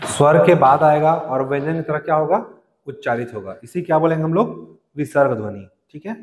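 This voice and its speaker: A male teacher with a Chhattisgarh Hindi accent lectures in a coaching classroom, his fairly high voice asking the class questions and answering them himself. The sound trails off in a long reverb around the room. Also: brisk, a little hiss or hum.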